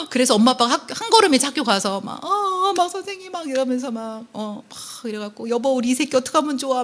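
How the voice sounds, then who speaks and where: Animated woman lecturing at church. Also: mid-range voice. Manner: animated, acts out quotes, frequent questioning tags. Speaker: family counselor and seminar speaker. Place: church service.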